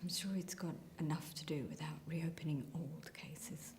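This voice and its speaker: An actress playing a weary, resigned middle-aged mother in prison, speaking in a hushed, whispery voice. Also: deep voice, steady tone, normal speed, slight background noise, lightly acted. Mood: quiet. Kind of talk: drama acting. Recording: echoey room.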